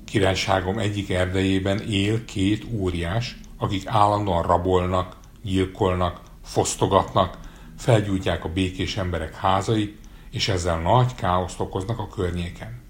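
A man's voice: low-pitched, fairly even intonation, close to an everyday voice. A man voicing a scheming, cautious king in a storybook, formal and persuasive.

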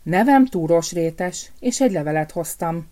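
A woman's voice: lowish voice, animated, mellow, close to an everyday voice. A woman voicing a cheeky young prince who is in disguise.

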